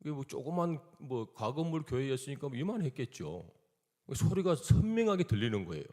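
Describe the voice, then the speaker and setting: A man's voice: mid-range voice, sing-song, brisk, mellow. A man preaching a testimony sermon in a Gwangyang dialect, telling his story and acting out the quoted dialogue. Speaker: missionary preacher. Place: church hall. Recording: reverberant church hall.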